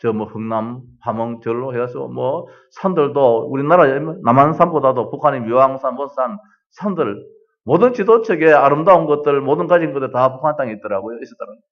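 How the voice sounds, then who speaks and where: A middle-aged male pastor preaching a sermon, animated and full of rhetorical questions. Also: mid-range voice, fairly quick, muffled recording.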